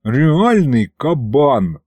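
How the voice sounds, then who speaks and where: A cocky pig-snouted imp with street slang drawls his lines, as a man puts him on. His voice sits high and bounces around, recorded close and dry. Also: wildly swooping pitch, measured pace, warm tone, husky, no room sound, full character voice. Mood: swaggering.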